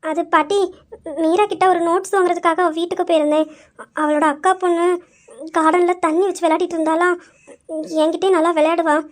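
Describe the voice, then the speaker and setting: A young college girl, voiced by a woman, rambling politely as she explains herself. Her voice is very high. Amateur family drama. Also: flat delivery, a little fast, long pauses. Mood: explaining.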